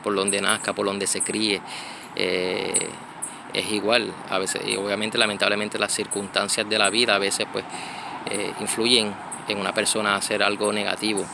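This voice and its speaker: A man gives a loose church reflection outdoors, stopping and restarting often, with many fillers. His voice sits low and has a gravelly edge. Insects and passing traffic are heard clearly behind him. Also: little pitch movement, normal speed. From United States (Connecticut). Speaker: church brother giving a reflection. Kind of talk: casual spoken reflection.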